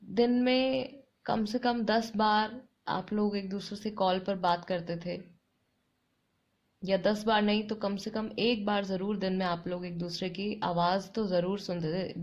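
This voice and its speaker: A woman with an Indian accent gives a tarot reading to her viewers, her medium-pitched voice slightly hoarse and her tone steady. She speaks in an unhurried, reflective way, repeating phrases for emphasis.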